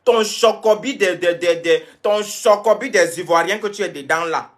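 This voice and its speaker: A man's voice: high voice, normal speed. A young man from Cameroon, talking to his viewers on a live stream, answering comments and repeating points for emphasis. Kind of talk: casual live-stream talk.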